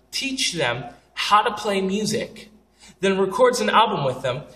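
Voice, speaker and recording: A man's voice: fairly high pitch, a bit bright, roomy sound, far from the mic. A young man telling funny travel stories in a casual, joking, self-deprecating way, talking straight to camera. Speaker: vlogger.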